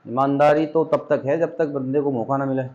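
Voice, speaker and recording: A man's voice: mid-range voice, steady tone, normal speed, a little mellow, muffled recording. A man teaching a classroom grammar lesson, patiently asking questions, repeating points and checking that his students follow. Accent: Hindi.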